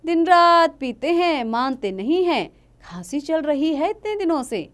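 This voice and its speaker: A woman's voice: high voice, very animated, a little slow, voice pushed up. A woman voicing a caring, practical village mother, soothing but firm.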